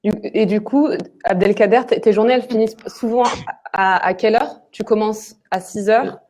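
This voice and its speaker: Mellow-voiced woman moderating a webinar. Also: medium pitch, fairly even intonation, moderate pace. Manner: informal, uses first names. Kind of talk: conversational interviewing.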